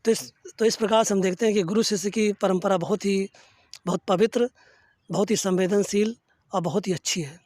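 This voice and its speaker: A man's voice: high-pitched, moderate pace, a little mellow. A man delivers a reflective discourse in a dry, echo-free setting. He is earnest and reverent, explaining like a teacher and weaving in verse and anecdotes.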